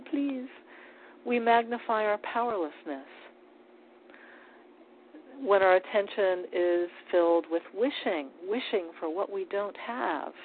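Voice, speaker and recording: A woman giving a calm, measured spiritual talk on prayer, with small restarts as she speaks. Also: medium pitch. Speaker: spiritual teacher. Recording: tinny phone-like line with faint hiss.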